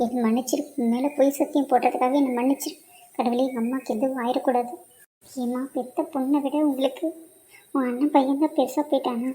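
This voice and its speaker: A distressed young cartoon daughter, voiced by a woman, high-pitched and pleading. She swings between begging and indignant accusation, voice strained with desperation. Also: fast talker, mellow, a little hiss or hum, lightly acted. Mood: desperate.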